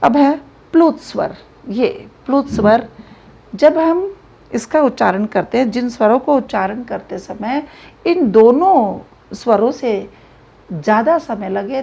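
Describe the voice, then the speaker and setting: A woman teacher giving a grammar lesson, explaining slowly and repeating examples aloud. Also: a little high, animated, creaky, warm tone, slightly rough. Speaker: Hindi teacher. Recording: dull lo-fi recording.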